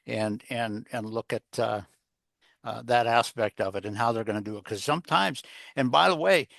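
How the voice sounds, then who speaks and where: Recorded at studio quality without echo, this man's mid-range voice sounds creaky, bright, and forceful. As an interview guest who writes on and coaches leadership, he offers conversational, rambling advice, repeating phrases and asking rhetorical questions.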